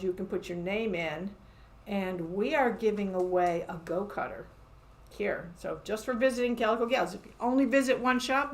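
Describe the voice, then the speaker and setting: A chatty, upbeat woman hosts a live show from her quilt shop, pitched at an everyday middle level. She talks casually and laughs often as she shows things off.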